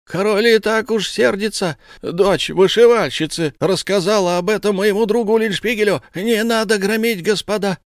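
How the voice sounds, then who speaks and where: A man's voice: sits high, moderate pace, no echo, studio quality, pitched above the performer's own voice. A man voicing Lamme, a timid male companion anxiously begging the crowd not to riot. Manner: anxious, pleading.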